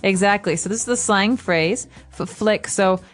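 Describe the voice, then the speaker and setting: A woman's voice: medium pitch, moderate pace, soft background music. Playful woman co-hosting an English lesson. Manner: playful, teasing. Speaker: podcast co-host, English teacher. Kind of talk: casual teaching chat.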